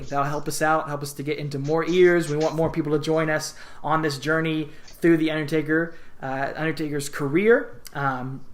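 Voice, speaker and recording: A man co-hosting a podcast in casual chat, upbeat and reading out plugs with lots of filler words. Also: a little high. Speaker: podcast co-host.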